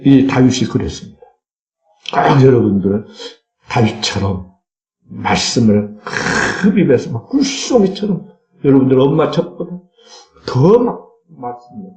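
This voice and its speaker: Fervent Korean pastor in an echoey sanctuary. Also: male voice, medium pitch, expressive, a little slow, darkish tone. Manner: fervent preaching, reads scripture aloud, sudden cries. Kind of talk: Sunday sermon. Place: church sanctuary.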